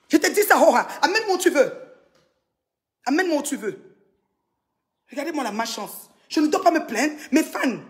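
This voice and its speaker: A woman from Cameroon in an angry social media rant, scolding and mocking, swinging between loud outbursts and low mutters.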